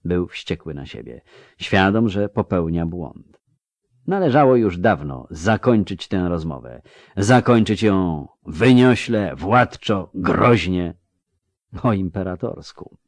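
A man narrating a fantasy audiobook in a measured, even storytelling manner. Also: deep voice, no echo.

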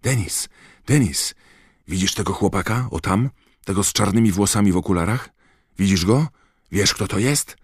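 A man's voice: deep voice, very animated, unhurried, creaky, no room sound, studio quality, voice pushed up, exaggerated voice. A man playing an eager, insistent boy. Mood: excited. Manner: urgent, insistent. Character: eager boy, excitable and pushy. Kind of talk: audiobook character voice.

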